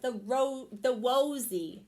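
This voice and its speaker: A woman doing a squeaky timid little rat. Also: darkish tone. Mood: squeaky commanding. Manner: squeaky, drawn-out commands. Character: tiny timid male rat game leader.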